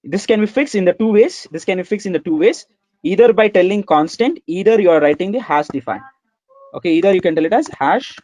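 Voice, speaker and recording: A man's voice: high-pitched, darkish tone, dry recording. A man teaching a coding lesson, talking through each line as he types, repeating himself and calling the viewers "guys". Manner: talks through code as he types, many repeats, says "guys" and "sir". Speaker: programming instructor. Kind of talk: screen-recorded coding tutorial.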